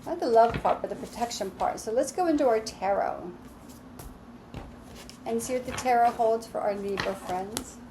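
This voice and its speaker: A woman reading tarot cards alone, talking in a slow, soothing, reassuring way. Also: a little high, background noise. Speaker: tarot reader. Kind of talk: relaxed solo tarot reading.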